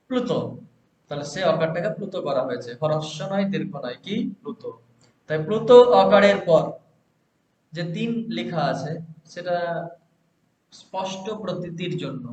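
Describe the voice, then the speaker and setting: A man's voice: on the high side, darkish tone. A man teaching a grammar lesson, who explains step by step and asks and answers his own questions. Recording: echoey, dull lo-fi room recording with faint hiss.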